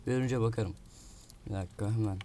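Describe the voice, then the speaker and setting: A man's voice: on the low side, a little fast, dark tone, slight background noise. A man giving casual live commentary while playing a video game, muttering to himself and grumbling about an opponent. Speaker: gaming video creator. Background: keyboard clicks and typing.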